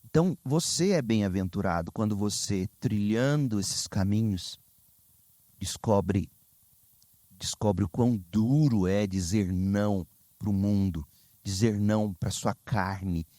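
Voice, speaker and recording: A Brazilian man preaching a sermon as pastor, telling stories with lively, sudden high exclamations. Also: slow pace, no echo. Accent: Brazilian Portuguese. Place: church sanctuary.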